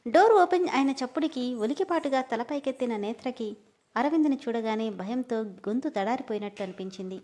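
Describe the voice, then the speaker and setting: A woman narrating a romance story in an even, measured reading. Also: on the high side. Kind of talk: scripted narration.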